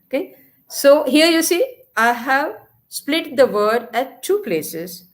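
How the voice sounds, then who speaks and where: A woman's voice: high-pitched, big pitch swings, takes it slowly. A woman with an Indian English accent teaching a grammar lesson, repeating key points and checking that the class follows. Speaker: school teacher. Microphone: recorded lesson video.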